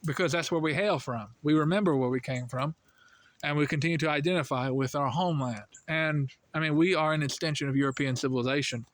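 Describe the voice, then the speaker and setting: With a voice on the high side, the man from the United States talks quickly, giving earnest, rambling commentary on religion in a casual tone. He leans heavily on "you know" and "I mean," lifting his voice whenever he lands a point.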